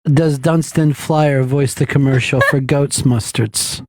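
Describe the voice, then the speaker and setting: A man's voice: medium pitch, fairly even intonation, slow, darkish tone, no echo. A man hosting a radio show, teasing his co-hosts with plenty of laughter and reading out listener comments. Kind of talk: casual studio banter.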